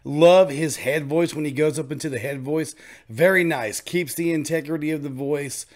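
A man's voice: fairly high pitch, moderate pace. Upbeat man hosting a reaction. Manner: enthusiastic, exclaims and chats over the music. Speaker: reaction channel host. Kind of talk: casual reaction commentary. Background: faint music playing.

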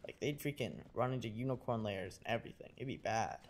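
Sick young dude rambling over gameplay, kinda crude jokes, faint hiss behind. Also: male voice, lowish voice, lively intonation, quick pace, creaky. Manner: rambling, joking, mildly crude. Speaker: gaming YouTuber. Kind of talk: casual game commentary.

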